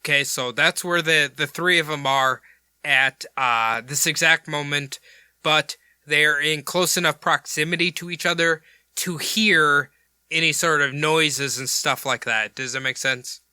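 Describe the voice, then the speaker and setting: A man's voice: a little high, fairly even intonation, a little slow, bright, forceful tone, clean tone, no echo, studio quality. A man hosting a podcast, retelling a case in a casual, rambling, jokey way with crude asides. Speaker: podcast host.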